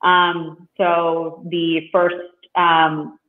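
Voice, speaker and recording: A man from Russia, a guest in an interview, talking in an earnest, halting way with many fillers. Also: a little high, completely flat delivery. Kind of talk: interview conversation. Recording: echoey, phone-like call line.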